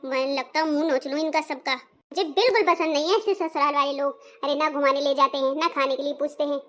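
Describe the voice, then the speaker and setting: A woman's voice: sits high, steady tone, fairly quick, fairly bright tone. A woman playing a spoiled, bossy young daughter-in-law in a comedy skit, scornful and threatening. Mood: ranting.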